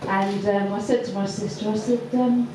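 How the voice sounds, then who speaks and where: A female stand-up comic tells a story slowly and deliberately, hesitating with plenty of ums and pauses. Her mid-range voice holds a steady tone. It's an echoey, far-off live recording at a comedy venue, with audience laughter and a noisy background.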